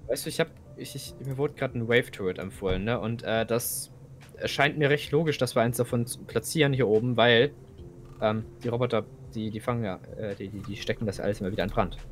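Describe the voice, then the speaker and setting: A man's voice: medium pitch, fairly quick, slight background noise. A young man playing a video game with a friend, thinking aloud and often repeating words as he searches for them. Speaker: gamer co-playing. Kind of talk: casual gaming chat.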